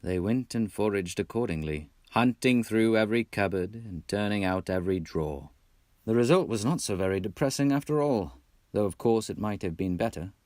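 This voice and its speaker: A man from Texas with a lowish, darkish voice reads a classic storybook expressively at normal speed, putting on a British accent as narrator. This amateur audiobook reader is captured in clean studio sound with no room sound.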